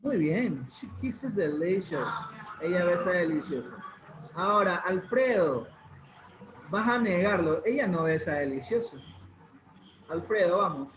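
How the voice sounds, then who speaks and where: A man's voice: high voice, expressive, measured pace, pauses often, noisy background. A man teaching an online English grammar class, patiently repeating rules and calling on students. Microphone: video call. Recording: muffled video call in an echoey room.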